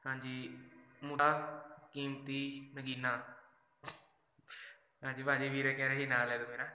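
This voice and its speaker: A man's voice: medium pitch, monotone, unhurried, bright, forceful tone, echoey room, rough recording. A man, chatting casually on a live stream, reading out fan messages and thanking his fans by name. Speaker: social media singer doing a live fan chat.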